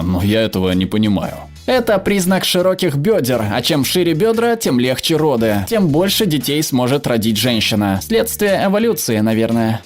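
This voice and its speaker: A man reading viewer comments aloud as scripted narration, voicing the quoted people as he goes. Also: medium pitch.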